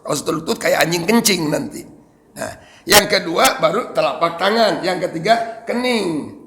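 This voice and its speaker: High, gravelly Sundanese-accented preacher. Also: male voice, animated, normal speed, fairly bright tone, long reverb tail. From West Java, Indonesia. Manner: explains Arabic text line by line, with joking asides. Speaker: Islamic preacher. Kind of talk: religious study lecture to a congregation.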